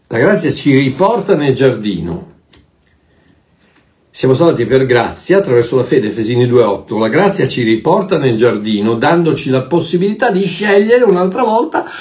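A man preaching with a lively voice that swoops up high on the points he wants to land, then drops low and quiet. He talks emphatically, restarting and repeating words as he goes. A mid-pitched, everyday male voice. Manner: animated, emphatic, repeats words while searching. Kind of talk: sermon teaching.

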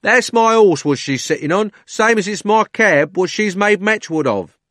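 A man's voice: high-pitched, animated, normal speed, fairly bright tone, dry recording, studio quality, pitched above the performer's own voice. A man doing a blustering cabby. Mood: urgent. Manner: blustering, dropped and added h's. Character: red-faced working-class male cab driver.

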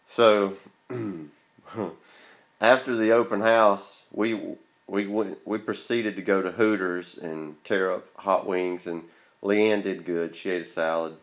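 A man's voice: low voice, fairly even intonation, slow. A man with a Southern Georgia accent and a folksy country drawl, chatting casually as a podcast host. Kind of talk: casual chat.

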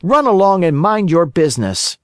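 A man voicing a cheeky, boastful wooden puppet boy in a high, excited voice. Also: moderate pace, no room sound, clean studio sound.

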